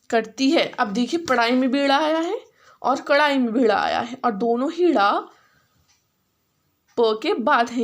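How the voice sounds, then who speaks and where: Indian woman teacher, slow, patient pace, bilingual, spells words sound by sound. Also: a little high. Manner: slow, syllable-by-syllable spelling aloud; mixes English and Hindi. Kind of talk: Hindi phonics lesson.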